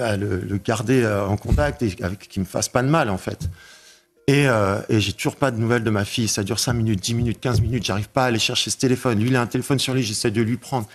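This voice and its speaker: A medium-pitched man recounts a break-in during an interview, his testimony emotional and halting. He goes over the same details again and raises his voice when the memories hit hardest.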